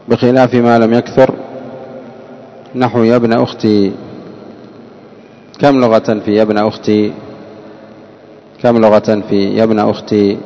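Man teaching grammar class, low voice, asks then repeats answers, long hall echo. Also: warm tone, dull audio. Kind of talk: classroom lesson on a grammar text.

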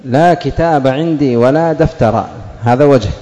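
A man teaching Arabic grammar to a class, quizzing students and repeating example sentences slowly. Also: mid-range voice, warm tone, in a large hall.

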